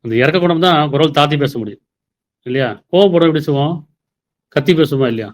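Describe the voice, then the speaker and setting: A man's voice: on the high side, fast talker. A man giving a sermon, explaining scripture verses and asking rhetorical questions. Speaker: preacher.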